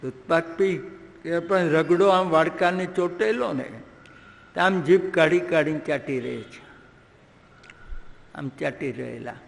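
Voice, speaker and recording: High gravelly devotional storyteller. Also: male voice, unhurried, long pauses, long reverb tail. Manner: dramatic, chants verses in song. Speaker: religious storyteller. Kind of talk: devotional story narration with chanting.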